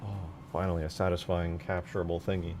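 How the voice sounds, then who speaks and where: Loud music plays behind a man's deep, flat voice as he talks fast. The speaker is a streamer doing game mods, giving informal live commentary and asking himself questions while thinking aloud.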